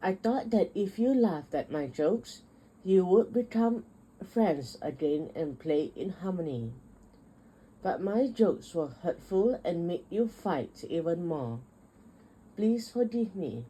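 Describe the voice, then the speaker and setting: A woman's voice: on the low side, expressive, slow pace, dark tone, husky, heavily acted, rough recording. Woman reading as a joking storybook creature. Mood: apologetic. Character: joking male creature who regrets teasing.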